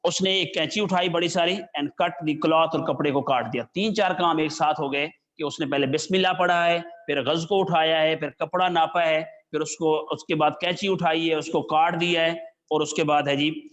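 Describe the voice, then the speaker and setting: A man teaching an English textbook lesson. He reads each English phrase slowly, then explains it in Urdu. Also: fairly high pitch, fairly even intonation, fairly bright tone.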